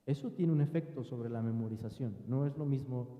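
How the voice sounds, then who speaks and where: A man's voice: mid-range voice, fairly quick, roomy sound, in a large hall, muffled recording. A man giving a sermon as pastor, teaching in an earnest tone and addressing his listeners as brothers. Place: church sanctuary.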